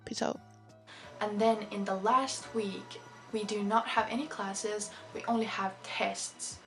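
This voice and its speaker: A late-teen woman from Finland, a native Finnish speaker with a Finnish accent, vlogs casually to camera as an exchange student, explaining things. Her voice is medium-pitched with fairly even intonation, and she speaks slowly over faint background music.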